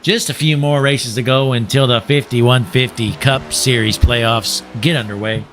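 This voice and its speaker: Bright-voiced sim racing commentator, a man. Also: mid-range voice, fairly even intonation, normal speed, soft background music. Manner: folksy, joking, says "folks" often. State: losing his voice. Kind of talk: play-by-play commentary.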